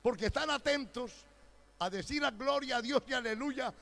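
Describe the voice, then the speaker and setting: Un pastor predicando un sermón con énfasis, alternando pasajes pausados con arrebatos fuertes e imitaciones burlonas. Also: male voice, very high-pitched, creaky. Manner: emphatic preaching with sudden loud outbursts and mocking quoted voices. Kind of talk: sermon.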